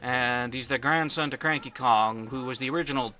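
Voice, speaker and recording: A man's voice: medium pitch, a little fast, bright, forceful tone. A man giving casual let's play commentary, rambling and often stuttering on the first syllables of words.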